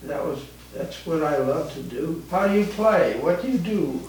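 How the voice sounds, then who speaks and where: A very old man of ninety-nine chatting casually with children in a halting, rambling, jocular way. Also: on the high side, animated, a little mellow. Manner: jocular, chuckles often. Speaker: elderly guest, retired forester. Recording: very echoey room, distant mic, faint noise.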